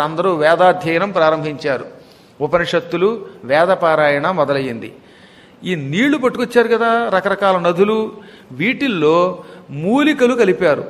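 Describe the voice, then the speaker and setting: A man giving a devotional discourse, teacherly and addressing listeners directly, slowly chanting verses and then explaining them. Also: high-pitched, fairly bright tone. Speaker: religious discourse speaker. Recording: long hall reverb.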